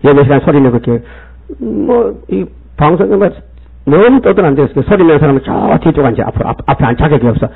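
A man's voice: medium pitch, animated, very fast, few pauses, slightly rough. A male pastor, preaching and scolding the congregation with rhetorical questions. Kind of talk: sermon. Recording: tinny phone-like sound.

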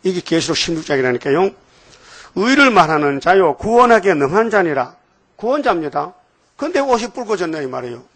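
A man's voice: sits high, big pitch swings, fairly quick, a bit bright. A middle-aged man preaching a sermon in a church, peppering his congregation with rhetorical questions and folksy asides. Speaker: pastor.

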